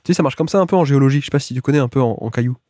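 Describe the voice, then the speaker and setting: A man hosting a casual podcast, sounding congested and a little gravelly from a cold. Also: medium pitch, very fast, dark tone, no room sound, studio quality. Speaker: podcast host.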